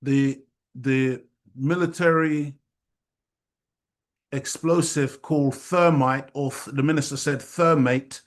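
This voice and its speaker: A man's voice: mid-range voice, fairly even intonation. A male host giving casual, reflective commentary on a lecture being played. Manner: unhurried, reflective asides. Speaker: study group host.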